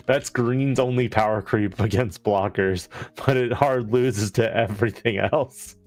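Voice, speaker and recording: A man co-casting a card game tournament live, calmly breaking down the plays. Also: on the low side, slow, long pauses, no room sound, soft background music. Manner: calm, explanatory, breaks down plays. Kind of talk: live color commentary.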